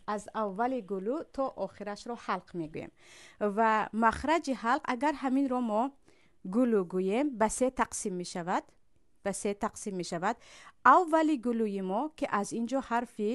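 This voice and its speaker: A woman with a Tajik accent teaching a pronunciation lesson, slowly drawing out and repeating sounds made deep in the throat. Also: fairly bright tone. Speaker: Quran recitation teacher.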